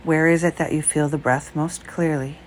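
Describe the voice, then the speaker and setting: A woman leading a guided breath meditation, speaking slowly, calmly and softly. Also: deep voice, a little hiss or hum. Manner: slow, calm, soft-spoken.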